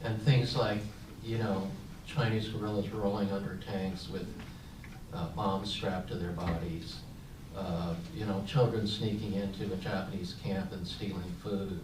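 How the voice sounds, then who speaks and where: An older man raised in San Francisco speaks as a veteran on a panel, reflectively telling his own story with lots of fillers and restarts. His voice is low and unhurried, with little pitch movement. The recording is echoey, picked up by a distant mic with room noise.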